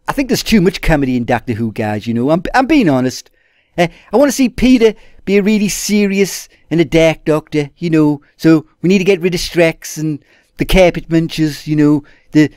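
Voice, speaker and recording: A man's voice: fairly high pitch, a little mellow, no room sound, studio quality. A man giving a casual spoken review to his viewers. He hesitates and restarts often and calls them "guys". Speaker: TV episode reviewer. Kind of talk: casual video review monologue.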